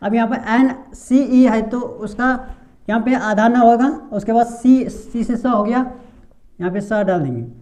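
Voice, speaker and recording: A man's voice: very high-pitched, a little slow, darkish tone. A young man teaching English pronunciation in Hindi at a board, often asking a question and then answering it himself. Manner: asks questions and answers them himself, repeats key sounds.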